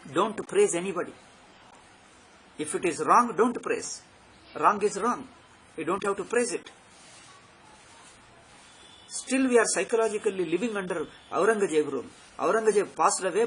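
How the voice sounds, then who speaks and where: A South Indian man with a fairly high voice delivers an unscripted religious discourse. He is emphatic and repetitive, pressing his points like a teacher, with faint noise behind him. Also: fairly bright tone, low-quality recording. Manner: emphatic, repetitive exhorting with tag questions. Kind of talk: spiritual discourse, extempore. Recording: background noise.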